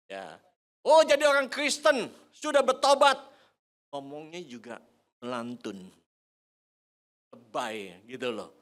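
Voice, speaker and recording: Lively older pastor, slow speaker. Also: male voice, high voice. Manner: lively, quizzes the congregation and jokes. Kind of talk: sermon to seniors. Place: church hall.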